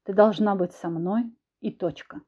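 Audiobook villain: controlling husband, voiced by a woman, low, slow, quietly menacing, in a dull lo-fi recording. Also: slightly rough. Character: menacing controlling husband, grown man, smug and cruel.

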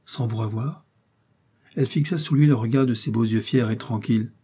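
A male narrator reading a novel aloud in a measured, even delivery. His voice is very dark and mellow, with a husky grain, at a middle pitch. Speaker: audiobook narrator.

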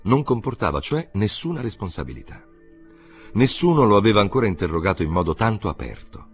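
A man reading a literary audiobook aloud in a measured, expressive way. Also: on the low side, faint music behind. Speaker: audiobook reader.

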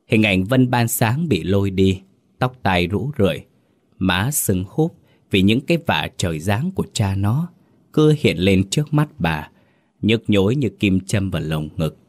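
A man narrating a dramatic story in a steady, storytelling manner. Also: lowish voice, a little slow, no echo, studio quality.

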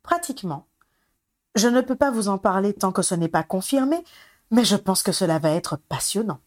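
A woman's voice: medium pitch, animated, moderate pace, no echo, studio quality, lightly acted. A woman reading the lines of a courteous, enthusiastic male ministry official in a storybook. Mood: eager. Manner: polite and enthusiastic.

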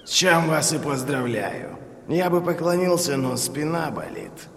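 A bitter, crippled inquisitor in a dark audiobook , put on by a male reader, snarling sarcasm through constant pain. His voice is gravelly and rough, and it rings with a long hall reverb. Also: a little high, expressive, a little slow, voice pushed up. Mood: sardonic.

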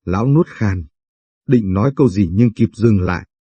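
A man reading a somber short story aloud in a measured narration. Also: on the low side, mellow, breathy edge, dry recording, lo-fi sound.

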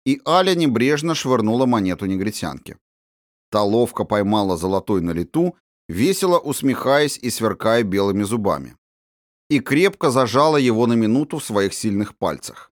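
A man narrating an audiobook in an expressive storytelling manner. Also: lowish voice, moderate pace, dry recording, studio quality.

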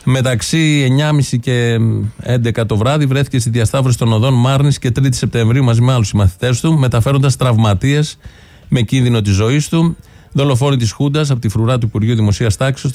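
A male radio host recounting a historical event in a measured, solemn narration. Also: medium pitch, a little mellow, dry recording.

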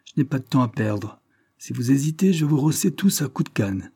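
A man's voice: medium pitch, sing-song, brisk, vocal fry, breathy edge, voice pushed up, exaggerated voice. A man voicing a mocking, domineering male detective who barks curt threats at a crowd. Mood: contemptuous. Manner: sharp, curt and jeering, barking threats.

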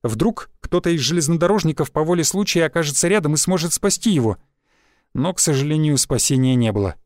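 A man narrating an audiobook in a steady, even storytelling voice. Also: on the high side, brisk, no room sound, studio quality. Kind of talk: scripted narration.

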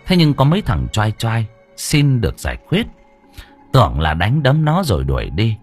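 Husky expressive male storyteller. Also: on the low side, moderate pace, faint music behind. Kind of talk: scripted audiobook narration.

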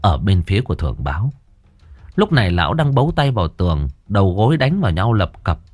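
Male ghost-story narrator with a low, animated delivery over soft music. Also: fast, dry recording. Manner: lively dramatic storytelling.

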